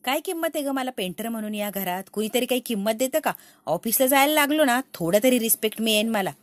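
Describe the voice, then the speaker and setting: A woman's voice: on the high side, animated, quick pace, no room sound, lightly acted. A woman voicing an irritated young husband who scolds his wife and demands respect. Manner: scolding, exasperated.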